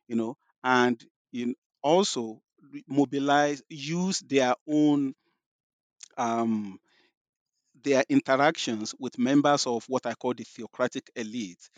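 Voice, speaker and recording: A man in his fifties with a Nigerian accent, answering interview questions as a guest professor, halting with many fillers and restarts. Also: mid-range voice, no room sound.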